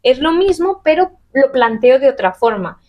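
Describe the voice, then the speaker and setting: A woman from teaching a Spanish grammar lesson to camera in a lively, chatty way, acting out little example questions. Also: sits high, moderate pace, highs cut off.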